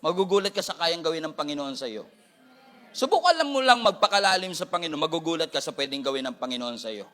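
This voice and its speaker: Filipino male pastor, high bright voice, animated sermon delivery, teasing asides to the congregation. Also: quick pace. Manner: switches between Tagalog and English, jokes with congregation.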